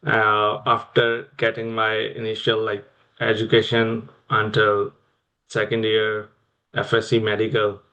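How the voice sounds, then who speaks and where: Young Pakistani man with an even tone. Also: lowish voice, a little slow, poor audio. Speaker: interview guest. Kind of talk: personal career storytelling in conversation.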